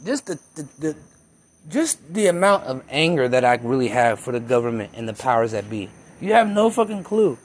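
A man's voice: mid-range voice, sing-song, moderate pace. A young man talking in a heated, profane, rambling rant as a self-described conspiracy theorist. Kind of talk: casual rant.

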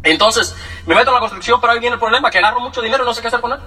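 Recorded from a somewhat distant mic, a testimony speaker from Michoacán, Mexico recounts his own life at a rapid pace. His voice is very high and bright; he's lively, laughs often, and takes on the voices of other people as he goes.

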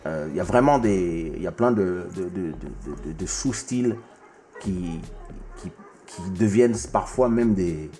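A man's voice: low voice, animated, a little slow, warm tone. A man born in the Congo hosting a casual music interview, talking with many restarts and repeated words. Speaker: host.

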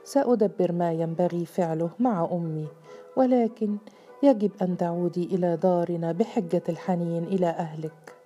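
A woman's voice: lowish voice, normal speed, warm tone, faint music behind, natural voice. A woman reading the part of a wise young queen who worries over a secret, in a storybook tale. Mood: worried. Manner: earnest, worried.

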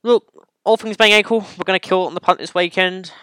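A man's voice: high voice, steady tone, fast talker, sharp tone, smooth, no echo. A young Australian man hosting a casual podcast, rambling and correcting himself as he gives racing tips from a room at home. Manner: rambling, self-correcting, joking. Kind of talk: casual solo podcast chat.

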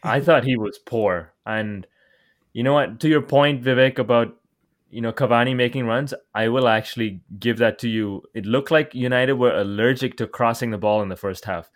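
A man's voice: mid-range voice, moderate pace. A man in casual sports chat, arguing his opinions firmly and repeating points for emphasis. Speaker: football podcast panelist.

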